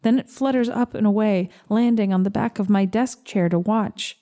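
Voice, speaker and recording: A woman narrates a first-person tale with a slow, gentle, measured delivery. Her voice is mellow and warm and sits at an ordinary middle pitch.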